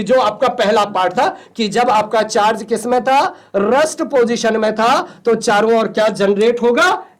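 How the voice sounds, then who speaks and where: A male physics teacher giving a studio lecture for a virtual classroom, who asks the class a question and answers it himself. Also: extremely high pitch. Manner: asks questions and answers them himself, calls students "children". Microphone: studio mic.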